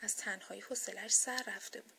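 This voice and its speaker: A woman reading a children's bedtime story aloud, soft, gentle and expressive. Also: mid-range voice, creaky, slight background noise.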